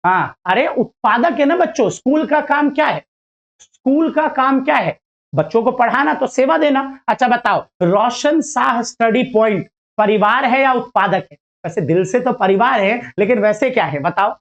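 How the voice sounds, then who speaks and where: A man's voice: extremely high pitch, animated, normal speed, fairly bright tone, muffled recording. A male teacher giving a casual lecture to students, chatty and playful, acting out little dialogues as he explains.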